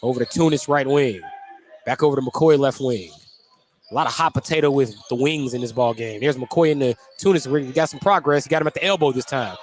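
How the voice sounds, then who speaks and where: A man with a medium-pitched voice calls a live basketball game on radio as play-by-play announcer, speaking fairly quickly from courtside or a press position in the gym.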